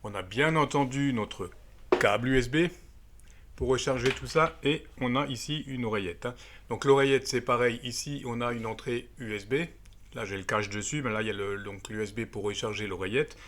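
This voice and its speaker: Over slight background noise, a man with a mid-range, fairly bright voice talks at normal speed. As an amateur radio video presenter, he casually handles and explains a gadget step by step, frequently adding tag words.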